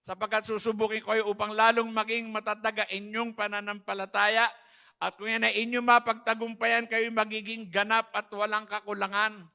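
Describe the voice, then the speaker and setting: Male pastor, emotional testimony sermon, high and bright, little pitch movement. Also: flat delivery, moderate pace, vocal fry, clean tone. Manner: emotional, quotes scripture, addresses listeners as brothers and sisters. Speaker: pastor giving his testimony.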